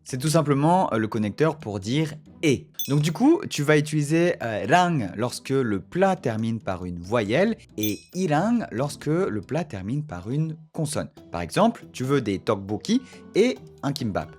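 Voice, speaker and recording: A man's voice: medium pitch, big pitch swings, normal speed, darkish tone. A man giving a casual video lesson in French on Korean restaurant phrases, modelling short Korean lines. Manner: acts out little restaurant scenes, playing both customer and waiter. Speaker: Korean language teacher. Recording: faint background music.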